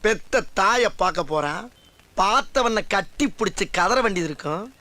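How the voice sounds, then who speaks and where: An actor playing a boastful, soft-hearted comic police constable who blusters and turns sentimental, in a noisy film soundtrack. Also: male voice, high voice, animated, normal speed, dry recording. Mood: preaching. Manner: blustering, swings to tearful sentiment. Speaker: head constable.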